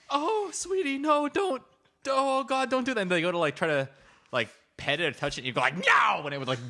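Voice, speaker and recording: A young man co-hosting a comedy podcast, chatting casually and joking, often slipping into silly voices. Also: mid-range voice. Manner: animated, jokey, slips into silly character voices. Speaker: podcast co-host.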